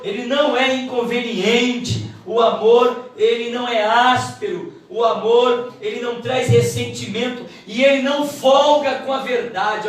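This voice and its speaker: A woman giving a church Bible lesson, quick and emphatic in her delivery. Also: fairly high pitch. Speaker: Bible teacher. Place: church hall. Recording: echoey hall, mic from far off.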